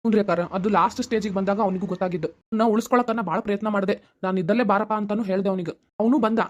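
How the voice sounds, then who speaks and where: A woman's voice: mid-range voice, fairly even intonation, quick pace, dull audio, natural voice. A woman voicing a wealthy, kindly middle-aged family friend in a cartoon, speaking earnestly in a North Karnataka Kannada accent. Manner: earnest, reassuring, long explaining speeches. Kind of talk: cartoon voice acting.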